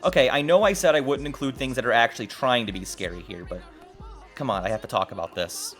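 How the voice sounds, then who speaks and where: A man with a medium-pitched, fairly bright voice talks fast as the host of a video essay. His narration is wry, exclamatory and casual, with some swearing, and background music plays behind him.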